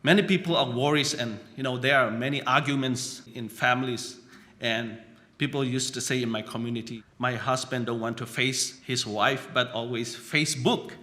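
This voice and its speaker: A man's voice: medium pitch, steady tone, moderate pace, bright, forceful tone. A man from Burma, preaching a conversational sermon that he keeps checking in on with "you know" and "right?".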